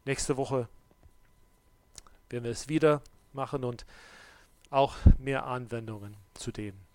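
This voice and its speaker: A man preaching a sermon, swinging between loud, urgent exhortation and quiet, close address, with direct questions to the listener. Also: mid-range voice, unhurried, clear, resonant tone, no room sound. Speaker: pastor.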